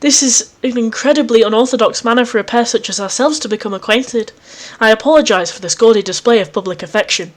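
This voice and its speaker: A woman's voice: a little high, quick pace, close to an everyday voice. A woman reading the lines of a strong, sweaty young male troll who talks in a stiff, overly formal way.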